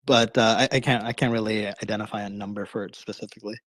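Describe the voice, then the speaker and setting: A man debating casually on an online voice call, halting and often rephrasing his points. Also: on the low side, fairly even intonation, a bit bright, no room sound. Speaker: debater on a live call-in show.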